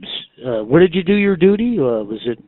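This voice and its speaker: Man interviewer, fairly high voice, hesitant casual questions, phone-like recording. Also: big pitch swings. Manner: halting, hesitant questions with many pauses. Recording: tinny phone-like band, roomy echo.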